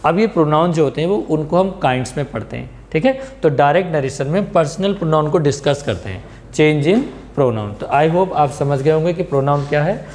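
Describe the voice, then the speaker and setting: A man teaching English grammar, mixing English terms into Hindi, asking questions and answering them himself, often checking whether students are clear. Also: on the high side, a little fast, hardly any pauses, a little mellow, slight background noise. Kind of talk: classroom lesson.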